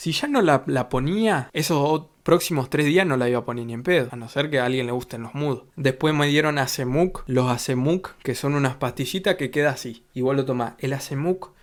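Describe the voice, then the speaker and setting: A man's voice: mid-range voice, fairly quick, few pauses. A young man with a Rioplatense Argentine accent, telling a story in casual vlog style, full of crude slang and acted-out quotes. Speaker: vlogger.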